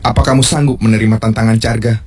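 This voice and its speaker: A man acts a haughty, stern king in a historical drama. His voice is fairly low and rough-edged. He speaks in declamatory royal pronouncements. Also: fairly even intonation, fast, darkish tone. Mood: deliberating. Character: stern, dismissive adult male king in his palace. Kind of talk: Indonesian historical drama dialogue.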